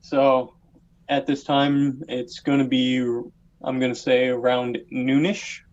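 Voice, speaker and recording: A man's voice: mid-range voice, little pitch movement, lo-fi sound. A man acting as game master, narrating a tabletop game in an easygoing way with many fillers. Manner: slow, easygoing, hesitant with fillers.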